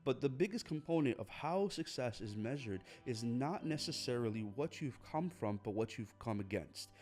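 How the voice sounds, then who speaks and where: Faint music plays behind a young man hosting his own podcast, where he delivers an earnest motivational monologue, often repeating and restarting phrases. His medium-pitched voice is a little mellow, with lively intonation and a normal pace.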